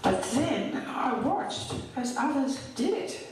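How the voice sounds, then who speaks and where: A poet, an older woman, recites her own scripted poem slowly and deliberately, her voice sitting high with a sing-song lilt. She sounds distant in a very echoey hall, with some background noise.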